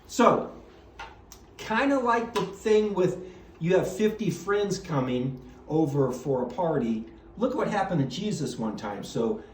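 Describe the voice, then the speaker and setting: A man teaching a Bible lesson to children, telling it as a lively story and acting out the voices. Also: fairly high pitch, slight background noise. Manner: animated storytelling, acts out voices. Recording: echoey room.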